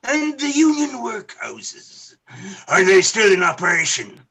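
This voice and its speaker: Grumpy miserly old man for radio play, raspy, sharp and bright, swoopy theatrical delivery. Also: high voice, wildly swooping pitch, unhurried, heavily acted. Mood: sardonic. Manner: curt, scornful, emphatic delivery. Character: bitter, miserly old businessman, scornful uncle.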